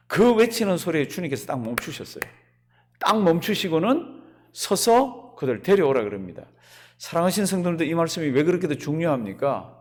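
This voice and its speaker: Animated, lively-pitched male pastor preaching. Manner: animated preaching with rhetorical questions and acted quotes. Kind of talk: sermon. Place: church sanctuary.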